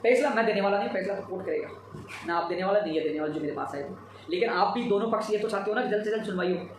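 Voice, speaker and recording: A man's voice: sits high, very fast, heavy reverb, distant mic, background noise. A tired man giving an emphatic, repetitive live update to followers on recruitment demands. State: tired after a long day. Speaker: job-seeker advocate giving updates.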